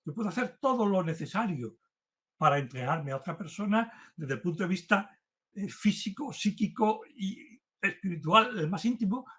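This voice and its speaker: A man giving an earnest philosophy lecture, speaking with growing emphasis as he warms to his subject. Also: sits high, expressive, normal speed. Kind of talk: university-style lecture. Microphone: remote talk to a virtual audience.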